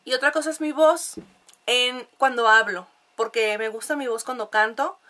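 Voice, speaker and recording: A woman's voice: a little high, moderate pace, bright, forceful tone. Nasal young Mexican woman chatting. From La Paz, Mexico. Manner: chatty, laughs often, many fillers. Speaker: vlogger. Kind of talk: casual chat to camera.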